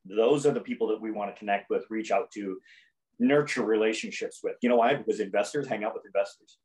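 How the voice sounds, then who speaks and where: A man's voice: fairly low pitch, quick pace, darkish tone, rough recording. A man who is a podcast guest and sales coach, making his points emphatically in a conversational interview and often repeating phrases for effect.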